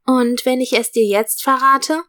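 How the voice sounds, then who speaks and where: A woman voicing an excited young child in a read-aloud storybook, eager and hopeful. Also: high-pitched, unhurried, pitched above the performer's own voice.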